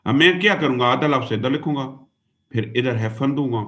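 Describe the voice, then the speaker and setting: A man's voice: mid-range voice, normal speed, a bit bright. A man giving a classroom lecture as an exam-prep teacher. He calls his students "dear student" and "son", spells words out letter by letter, and mixes English into his talk. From Pakistan.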